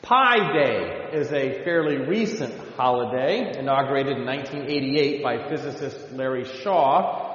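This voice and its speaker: Slow, deliberate man in an echoey hall. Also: mid-range voice, lively intonation, a bit bright. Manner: measured, deliberate, with rhetorical questions to the audience. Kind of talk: address to a live audience. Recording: echoey hall, dull lo-fi sound.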